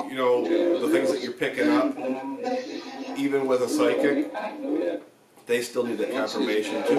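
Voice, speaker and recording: A man in his forties hosts a spirit session in a small home room with guitars, talking casually and haltingly, with many pauses, to a camera a few feet away across a desk. His voice is mid-range, and the recording is echoey and distant with loud background chatter.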